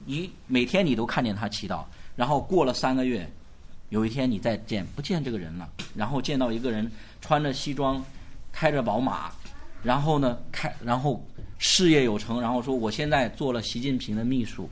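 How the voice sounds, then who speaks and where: A male pastor preaching a sermon at a church gathering, animated, firing rhetorical questions and urging the congregation to answer loudly. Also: mid-range voice, normal speed.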